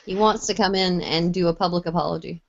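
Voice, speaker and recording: A woman's voice: on the low side, fairly even intonation, fast talker, creaky. A woman passing messages to the host in a matter-of-fact way during casual chat. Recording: dull lo-fi audio from off-mic.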